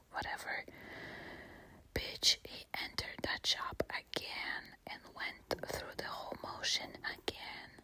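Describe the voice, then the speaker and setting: A woman telling a casual, candid ASMR storytime in a quiet, hushed late-night whisper. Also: low-quality recording. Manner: casual, candid, swearing freely.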